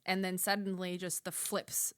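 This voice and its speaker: A woman co-hosting a casual podcast, telling animated stories with lots of "like.". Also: fairly low pitch, normal speed, clean tone, dry recording, studio quality. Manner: animated storytelling full of "like". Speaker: podcast co-host, former haunted attraction actor.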